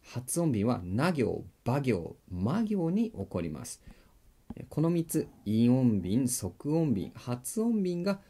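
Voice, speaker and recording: A man's voice: mid-range voice, sing-song, takes it slowly, dark tone, husky. A man teaching a grammar video lesson, explaining step by step in a friendly way and checking in with the viewer as he writes on a board. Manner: writes on a board while talking.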